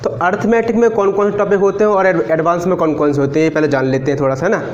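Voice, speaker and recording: A high-voiced male maths teacher lectures a classroom of students. He talks casually and checks in with them every few sentences. The room is echoey. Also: steady tone, rapid-fire, highs cut off, slight background noise. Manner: talkative, asks students frequent check questions.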